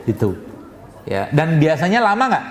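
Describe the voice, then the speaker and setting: A man's voice: on the high side, wildly swooping pitch, moderate pace. A man preaching a sermon to a congregation. He asks questions and then answers them, and at times his voice rises into emphatic urgency. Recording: echoey hall recording, faint ambience.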